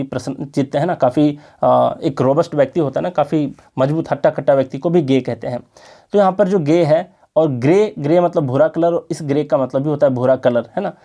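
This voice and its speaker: A man teaching an exam-prep English grammar lesson in Hindi, explaining slowly and checking in with his students. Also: fairly high pitch, warm tone.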